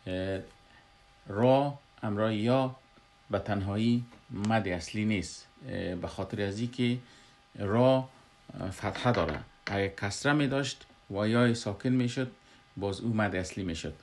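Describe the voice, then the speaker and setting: A man with an Afghan Dari accent explaining a Quran recitation lesson, pausing often with filler sounds. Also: lowish voice, darkish tone. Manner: halting, frequent filler hesitations.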